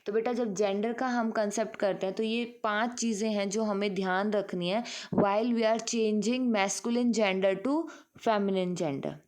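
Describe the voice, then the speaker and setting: A woman's voice: mid-range voice, slow pace, darkish tone. A woman teacher giving an online English grammar lesson, mixing Hindi and English and checking in with her students with repeated questions. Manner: mixes Hindi and English, calls students "beta".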